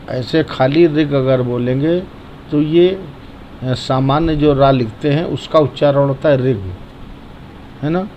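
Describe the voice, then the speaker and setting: A man teaching the correct pronunciation of devotional verses, chanting lines slowly and then correcting single syllables. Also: mid-range voice, darkish tone, slight background noise. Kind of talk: patient recitation lesson.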